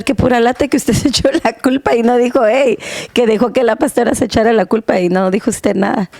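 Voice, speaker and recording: A woman's voice: fairly high pitch, darkish tone, no room sound. Bilingual woman telling a story, laughing. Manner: switches between Spanish and English mid-sentence, laughs often. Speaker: podcast co-host, pastor's wife. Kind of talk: casual storytelling chat. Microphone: home podcast mic.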